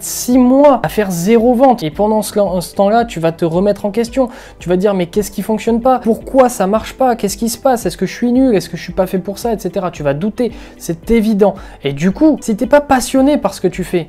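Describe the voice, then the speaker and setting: Un homme, youtubeur coach en business, qui donne des conseils motivants sur un ton familier et énergique, en insistant par des répétitions. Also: male voice, sits high. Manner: energetic, emphatic, repeats words for stress, talks straight to the viewer. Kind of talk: casual motivational advice monologue.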